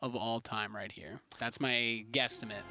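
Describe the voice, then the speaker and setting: A man giving relaxed, joking color commentary on a live esports match. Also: medium pitch, unhurried, faint music behind. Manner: laid-back, joking.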